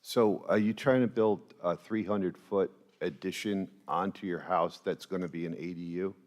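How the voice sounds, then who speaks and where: A man's voice: low voice, steady tone, normal speed, a little mellow. A man on a town council answering a resident casually, with fillers like "you know". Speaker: council member. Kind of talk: town council meeting discussion. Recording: hall reverb with faint hum.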